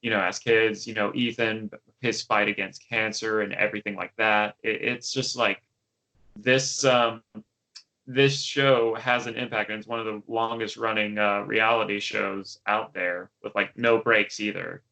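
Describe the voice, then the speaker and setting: A young man talks through a TV episode with his co-host in loose, casual chat. His voice sits lowish and has a gravelly fry, but the tone is bright. He leans on fillers and restarts as he goes. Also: steady tone, measured pace, rough recording. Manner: chatty, many fillers and restarts. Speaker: podcast co-host.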